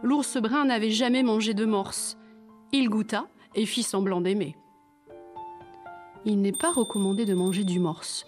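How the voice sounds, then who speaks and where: A woman's voice: mid-range voice, fairly even intonation, unhurried, pauses often, a little mellow, soft background music. A woman reading a children's story aloud with playful, wry asides.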